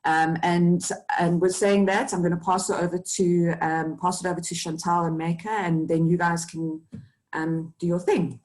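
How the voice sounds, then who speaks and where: A woman's voice: fairly low pitch, level tone, moderate pace, darkish tone, rough recording. A woman moderating a webinar, introducing the guests hesitantly with many fillers. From South Africa.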